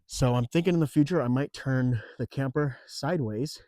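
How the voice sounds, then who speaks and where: A man's voice: mid-range voice, moderate pace, dry recording. A man with the hiccups gives a rambling, casual vlog walkthrough of repairs around his off-grid camper. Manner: rambling and relaxed, with fillers and restarts. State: has the hiccups. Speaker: off-grid homesteading vlogger. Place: outdoors and inside a camper on a rural off-grid homestead.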